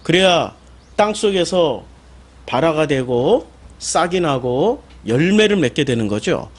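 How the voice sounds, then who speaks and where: A man's voice: on the high side, big pitch swings, unhurried. A male pastor preaching a sermon, firing rhetorical questions at the congregation and answering them himself, with sudden emphatic exclamations.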